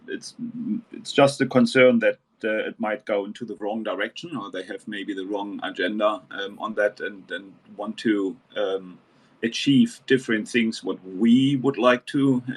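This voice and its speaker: Low-pitched man from New Zealand, casual panel talk, halting with lots of fillers. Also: steady tone. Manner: halting, many fillers and restarts. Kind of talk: casual discussion.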